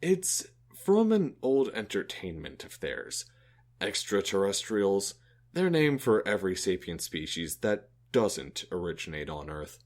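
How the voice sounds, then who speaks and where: A man's voice: deep voice, measured pace, heavily acted. A man voicing an earnest, thoughtful alien. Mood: musing. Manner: earnest, explanatory, lively intonation. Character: thoughtful male alien who befriended a human. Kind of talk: audio drama acting.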